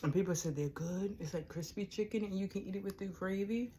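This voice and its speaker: A woman's voice: medium pitch, a little fast, dark tone, a little hiss or hum. An American woman chatting casually and colloquially to viewers between bites as she eats for a mukbang. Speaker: mukbang host. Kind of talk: casual mukbang chitchat while eating.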